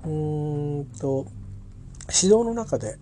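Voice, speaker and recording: Rambling, chatty man with a mellow voice. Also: a little high, animated, slow pace, slight background noise. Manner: rambling, self-correcting, chatty with many fillers. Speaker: English pronunciation learner reviewing a book. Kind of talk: casual spoken book review.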